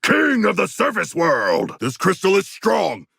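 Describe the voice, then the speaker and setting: A man's voice: sits high, huge pitch swings, measured pace, vocal fry, a bit bright, breathy edge, no echo, clean studio sound, heavily acted. A man playing a huge humanoid shark warrior in a video game, earnest and literal-minded, with formal, stilted, grandiose diction and a battle-hungry pride. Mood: battle fervor. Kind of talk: video game character voice lines.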